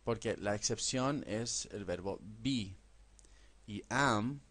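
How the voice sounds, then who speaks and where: A man teaching an English lesson in a classroom style. He speaks, says English words slowly for the listener to repeat, and keeps checking in with a quick "¿vale?". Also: fairly low pitch, fairly bright tone. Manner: tags sentences with a questioning "¿vale?".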